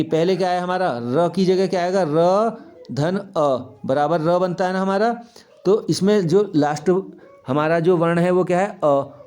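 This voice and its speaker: Male teacher for a kids' grammar lesson, a touch high-voiced, quizzing the class and answering himself, slow and repetitive. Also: a little mellow, smooth. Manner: patient, asks the class questions and answers them; repeats examples slowly, stretching key sounds. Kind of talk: Hindi grammar lesson for children.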